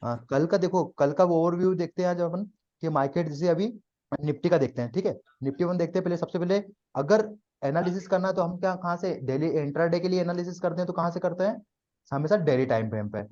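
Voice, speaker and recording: Fast-talking man teaching a live trading class. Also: on the high side, darkish tone, dull audio. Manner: explains step by step, often asks "है ना?".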